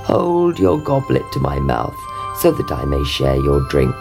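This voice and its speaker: A woman reading a storybook, voicing a croaking, demanding enchanted male frog. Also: a bass voice, wildly swooping pitch, measured pace, over music, pitched below the performer's own voice, full character voice.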